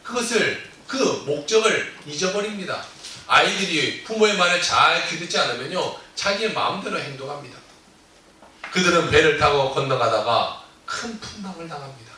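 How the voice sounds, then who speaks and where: A male pastor giving a Sunday sermon, telling the story with lively emphasis. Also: a little high, normal speed, slight background noise. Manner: animated storytelling, acting out disciples' cries. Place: church sanctuary. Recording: echoey church hall, distant mic.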